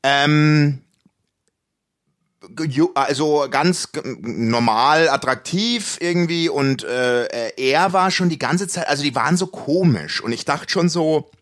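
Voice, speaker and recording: A man spins a meandering anecdote in relaxed podcast chat. His voice sits a little high for a man. He restarts sentences often and leans on colloquial slang. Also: slow. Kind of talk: casual chat, storytelling.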